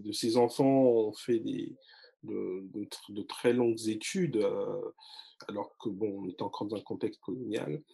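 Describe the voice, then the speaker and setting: A man's voice: mid-range voice, vocal fry, mellow. A man in his forties, a literary blogger talking casually as an interview guest, hesitant with many fillers and restarts. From France and Congo-Brazzaville.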